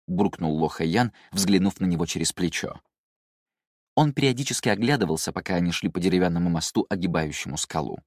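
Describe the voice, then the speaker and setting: A man reading an audiobook in an even, measured way. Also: deep voice, dry recording, clean studio sound. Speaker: narrator. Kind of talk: audiobook narration.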